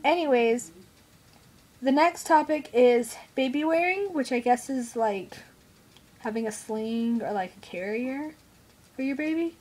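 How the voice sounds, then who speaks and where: A young mother vlogs in a slow, unhurried way, sharing strong opinions bluntly. She sounds stuffed up and nasal because she is unwell, and her voice sits a little high for a woman. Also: darkish tone. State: congested, feeling unwell. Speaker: mother vlogger. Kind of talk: casual opinion vlog.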